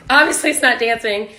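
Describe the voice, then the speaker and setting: A woman's voice: on the high side, sharp tone, echoey room. A woman physician chatting casually to viewers on a livestream from her home office, upbeat and a little out of breath. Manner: chatty, upbeat, greets viewers, laughs often. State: warm and a bit out of breath. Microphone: phone or webcam livestream.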